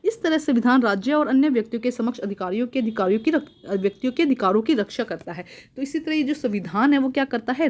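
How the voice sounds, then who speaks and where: A woman's voice: a little high, a little mellow. A woman teacher goes through a school worksheet, reading each point and then explaining it again in simple words, mixing in English terms.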